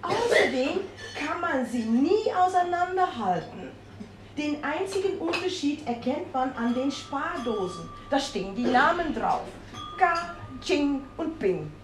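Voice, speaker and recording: A woman with a Dutch accent reads a funny story aloud, playful and poking fun at herself, with exclamations. Her voice sits high, and there's background noise in a roomy space with faint ambience.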